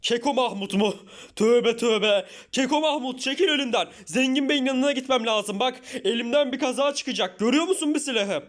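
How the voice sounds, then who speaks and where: A man playing a grumbling, short-tempered young newcomer with a very high, squeaky voice. He complains constantly and sighs in irritation. A Minecraft parody character. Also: moderate pace. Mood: fed up.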